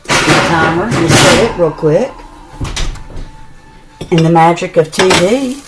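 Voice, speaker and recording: A middle-aged woman with a fairly low, expressive voice talks a little slowly as she gives a cooking demonstration in her home kitchen. She's chatty and homey, tasting as she goes, with soft music and kitchen clatter behind her.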